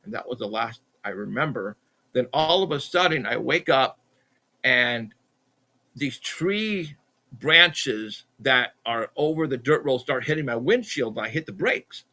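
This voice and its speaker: A middle-aged man, a podcast guest, telling a story in an animated, excitable way, stumbling and repeating himself as he acts out what people said. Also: medium pitch, measured pace. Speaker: podcast guest, Bigfoot researcher.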